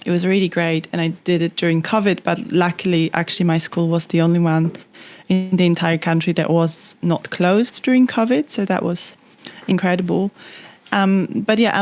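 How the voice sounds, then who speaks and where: A woman's voice: lowish voice, darkish tone. A young woman from Poland, a photographer guest on a podcast, talking thoughtfully in a rambling way with many fillers. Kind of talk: casual interview chat.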